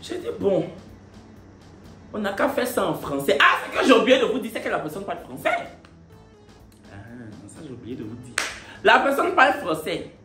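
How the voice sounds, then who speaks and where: A man telling a story in a playful, animated way and laughing often. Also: sits high, normal speed, long pauses, roomy sound, soft background music. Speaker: vlogger. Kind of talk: casual storytelling.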